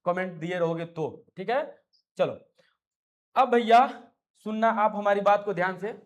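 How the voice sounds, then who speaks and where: A man explaining a maths lesson in a high-pitched voice. He repeats each point several times and keeps asking his students whether they follow. He coaxes them along with affectionate pet names. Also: unhurried. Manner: coaxing, repetitive, keeps asking students questions. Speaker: maths teacher. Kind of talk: Hindi-medium online maths lecture.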